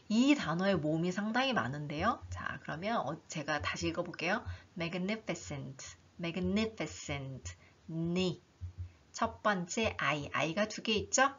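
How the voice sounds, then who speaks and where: A woman teaching an English book in a lively online lesson, reading lines aloud and explaining them, often voicing the learners' questions herself. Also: fairly low pitch, breathy edge. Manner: animated, talks herself through learners' questions. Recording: dull lo-fi recording.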